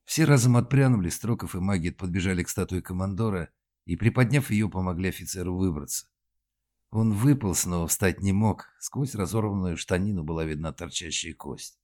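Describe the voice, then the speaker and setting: A man narrating a detective audiobook with a very low, deep voice. His reading is lively and dramatic, pressing forward through the action. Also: moderate pace. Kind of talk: scripted narration.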